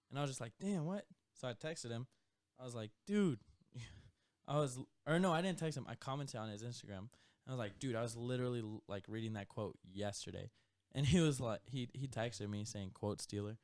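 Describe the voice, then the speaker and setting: A man's voice: medium pitch, darkish tone, no echo, studio quality. A young man co-hosting a podcast, telling stories in a laid-back way and laughing often. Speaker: podcast co-host. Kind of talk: casual chat.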